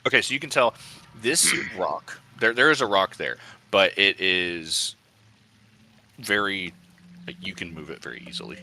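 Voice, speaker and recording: Bright, lively game master. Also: male voice, deep voice, normal speed, long pauses. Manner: casual and joking, with hesitant fillers. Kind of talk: narrating a tabletop game.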